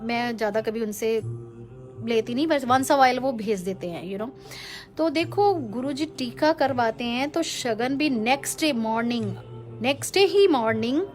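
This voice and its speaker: A middle-aged woman giving a chatty devotional testimony to a live online group, mixing English phrases into her Hindi. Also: sits high. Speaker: satsang speaker. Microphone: phone or webcam.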